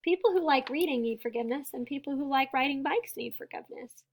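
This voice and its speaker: With an animated delivery, a high-voiced woman reads a picture book to children. She takes a teacher's approach, phrasing carefully, emphasizing key words, and putting things simply for young ears.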